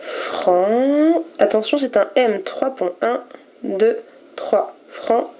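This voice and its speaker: A woman teacher giving a recorded reading lesson to young pupils, sounding out each letter and syllable slowly and with care. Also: a little high, dark tone, a little hiss or hum. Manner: slow and careful, spelling out letters and syllables one by one. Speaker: primary school teacher.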